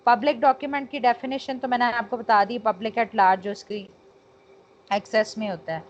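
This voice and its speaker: Her voice is a little high, steady in tone, at a moderate pace: a Pakistani-accented woman teaching law online. She drops in English terms, repeatedly checks whether students follow with tag phrases, and the call audio comes through dull and noisy.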